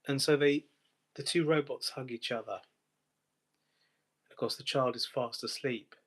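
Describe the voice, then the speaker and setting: A man's voice: medium pitch, fairly even intonation, a little slow, fairly bright tone. A man hosting a live stream, thinking aloud in a rambling, speculative monologue full of restarts.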